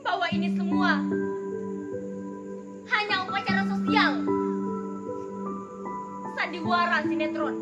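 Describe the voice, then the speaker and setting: A woman performing a theatrical stage monologue as a wronged young mother turned bitter, defiant avenger, declaiming slowly. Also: very high voice, muffled recording, over loud music. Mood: brooding, reflective. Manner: slow, declamatory theatrical delivery.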